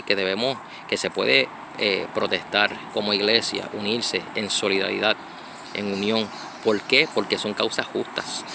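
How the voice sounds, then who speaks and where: Halting low-voiced man outdoors. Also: creaky, background noise. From United States (Connecticut). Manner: halting, many fillers and restarts. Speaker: church brother giving a reflection. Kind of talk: casual spoken reflection.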